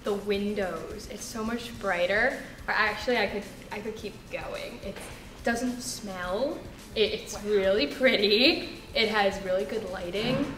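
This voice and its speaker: A woman's voice: medium pitch, unhurried, a bit bright, soft background music. A teenage girl answering interview questions in a classroom, chatty and eager. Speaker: student interviewee. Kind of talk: casual interview. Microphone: handheld mic held by interviewer. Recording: roomy, from a distance.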